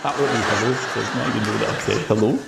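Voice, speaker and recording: A man playing a friendly, eccentric careers advisor with a thick Highland Scottish accent and an emphatic, exaggerated way of talking in a comic hidden-camera chat. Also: steady tone, very fast, gravelly, very noisy. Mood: cheery, eccentric. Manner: exaggerated, emphatic, swooping greetings. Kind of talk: improvised comic character chat.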